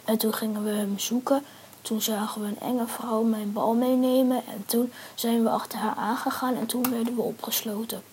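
A woman's voice: on the high side, fairly even intonation, moderate pace, a little mellow, slight background noise, close to an everyday voice. A woman voicing a scared trapped boy. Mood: explaining. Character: frightened boy trapped in a cage.

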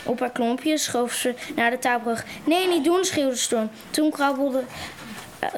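Woman reading a book out loud, higher voice, trips over words, bit of hiss. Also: fairly even intonation, slow pace. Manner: stumbling reading with restarts. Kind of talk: reading a book passage aloud.

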